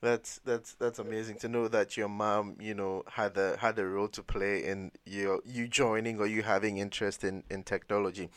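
A man's voice: fairly low pitch, level tone, moderate pace, few pauses, fairly bright tone, smooth, no echo. A man hosting a podcast, introducing his guest and asking questions with enthusiasm. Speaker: podcast host. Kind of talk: podcast interview.

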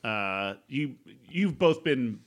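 A man's voice: mid-range voice, lively intonation. A man improvising narration as game master of a tabletop role-playing game, often searching for his words. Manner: halting, searching for words as he describes scenes.

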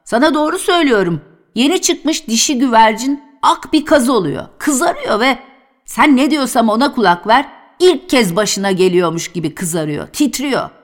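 A woman voicing a boisterous, earthy old male workman in a dramatic novel reading, lively and exclaiming. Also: on the high side, moderate pace, pitched above the performer's own voice, lightly acted. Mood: exuberant.

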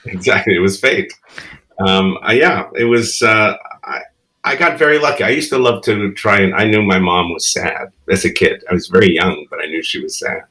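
A Bronx man in his fifties, Spanish his first language, tells reflective, rambling stories with frequent laughs as a guest in a casual interview. His fairly low voice sounds pushed and bright at a moderate pace, and the audio is poor.

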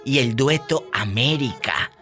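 A man's voice: medium pitch, measured pace, loud music behind the voice. A man with a Mexican accent hosting a radio call-in show, campy and teasing, laughing often. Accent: Mexican Spanish. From Mexico, Tamaulipas. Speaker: radio host. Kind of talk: flamboyant radio call-in banter.

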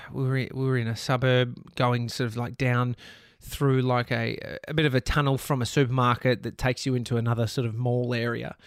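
In a smooth, medium-pitched voice, an Australian podcast host rambles candidly through a personal story, swearing without restraint. The sound is dry and clean, as from a studio.

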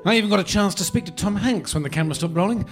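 A man's voice: high-pitched, rapid-fire, faint music behind. A man voicing a middle-aged former film extra who tells a rambling anecdote.

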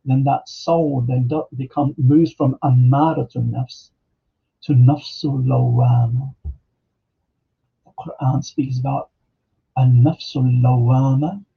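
A man's voice: mid-range voice, fairly even intonation, takes it slowly, creaky, breathy edge, lo-fi sound. A man teaching an Islamic lesson on a podcast, reflective, with rhetorical questions and quoted Arabic scripture. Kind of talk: religious talk. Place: podcast studio.

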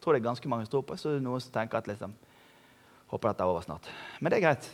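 A man preaching a sermon in a church, energetic and humorous, rising to emphatic peaks. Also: mid-range voice. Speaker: pastor. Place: church hall.

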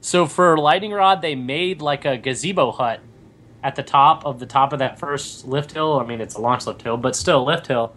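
A man's voice: mid-range voice, moderate pace, fairly bright tone. A young man co-hosting a casual chat, talking in a rambling way with lots of fillers and restarts. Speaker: podcast co-host.

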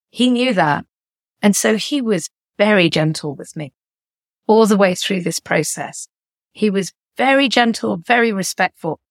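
A woman's voice: medium pitch, no echo. Reflective woman founder, dry close sound. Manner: reflective, animated when retelling stories. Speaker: guest, founder and author. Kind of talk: conversational interview.

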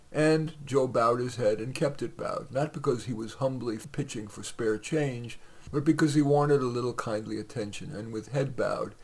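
A man with a mid-range, gravelly and husky voice reads his own short stories on a podcast in a relaxed, conversational way, slipping in an occasional filler between lines.

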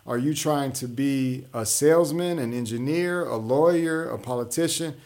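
A man with a medium-pitched, slightly mellow voice hosts his own show. He works through ideas in a casual, explanatory monologue, conversational in tone and full of restarts and fillers.

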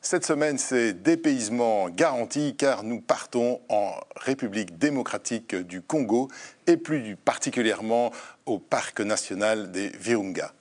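A man's voice: on the low side, measured pace. A man hosting a studio interview, introducing his guest and asking questions in a conversational way with brief fillers. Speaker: host.

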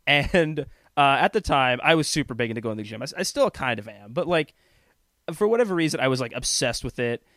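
A man hosting a podcast, telling a story in a relaxed, rambling, self-deprecating way. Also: medium pitch, a little fast, dry recording, clean studio sound. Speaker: podcast host. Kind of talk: casual storytelling chat.

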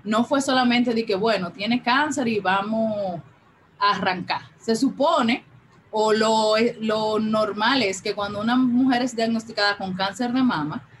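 A woman's voice: fairly high pitch, measured pace, slight background noise, low-quality recording. A woman, telling her personal story as an interview guest and acting out the dialogue as she goes. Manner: animated, acts out quoted dialogue.

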